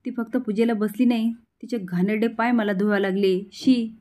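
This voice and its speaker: A woman's voice: fairly high pitch, steady tone, moderate pace, dark tone, lightly acted. A woman voicing a spoiled, snobbish rich teenage girl who talks in an irritated, dismissive way.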